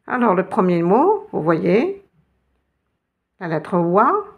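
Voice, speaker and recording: A woman's voice: fairly low pitch, very animated, takes it slowly, slightly rough, phone-quality sound. A woman teaching a lesson, patiently guiding learners step by step and spelling out letters. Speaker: Arabic teacher.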